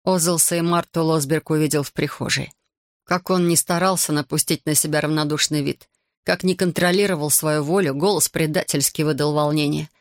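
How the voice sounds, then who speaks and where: An audiobook narrator reading a novel in a steady, even storytelling manner. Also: mid-range voice, dry recording, studio quality. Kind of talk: scripted narration.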